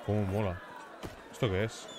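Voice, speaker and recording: A man's voice: on the low side, flat delivery, normal speed, crowd noise, noisy background. A man with an accent from Spain giving casual, foul-mouthed, joking commentary as he streams a video game. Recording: music from the game behind. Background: video game music.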